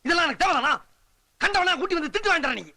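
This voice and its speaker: A man's voice: very high voice, expressive, very fast, sharp tone, full character voice. An actor playing a wisecracking male sidekick in a film comedy, answering back with cheeky quips. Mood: bickering. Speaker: film character. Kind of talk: Tamil film comedy dialogue.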